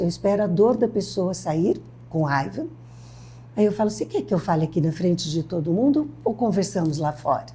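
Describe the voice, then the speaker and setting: Brief: older Brazilian woman, interview guest, husky and mellow, emphatic storyteller who acts out quotes. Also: mid-range voice. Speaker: guest educator. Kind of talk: interview conversation.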